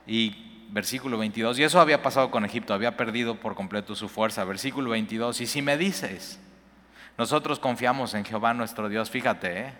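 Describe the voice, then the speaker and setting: A man's voice: mid-range voice, sharp tone. A man teaching a Bible passage, reading verses aloud and explaining them in a conversational way. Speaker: preacher. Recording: long hall reverb.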